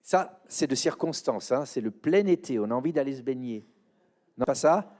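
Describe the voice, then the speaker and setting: A man's voice: mid-range voice, animated, normal speed, darkish tone. Playful French man leading a kids' quiz. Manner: playful, coaxing answers from kids. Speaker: children's show presenter. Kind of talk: leading an interactive quiz with an audience.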